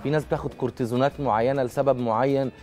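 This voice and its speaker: A man in his thirties with an Egyptian Arabic accent, a guest doctor calmly explaining weight questions to a caller on a TV show. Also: mid-range voice, racing, faint music behind. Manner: calm, explanatory, with frequent restarts. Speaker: guest doctor, nutrition advisor. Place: TV studio. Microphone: lapel mic.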